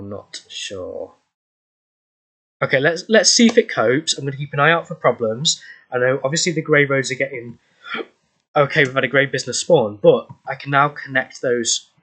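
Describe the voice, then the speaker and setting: A man talks through a strategy game as he plays. He thinks aloud, hesitating and restarting his sentences, at an ordinary mid pitch. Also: fairly bright tone, breathy edge, low-quality recording. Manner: thinking aloud, hesitant, self-correcting with ums. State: hiccuping. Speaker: gaming YouTuber. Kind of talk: casual gameplay commentary.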